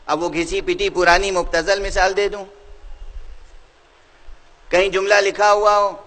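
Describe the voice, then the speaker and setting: A man preaching a sermon, posing questions to his listeners and building slowly to loud, drawn-out emphatic peaks. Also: sits high, little pitch movement, poor audio. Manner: slows and rises to loud emphatic peaks, rhetorical questions to the audience. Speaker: religious scholar.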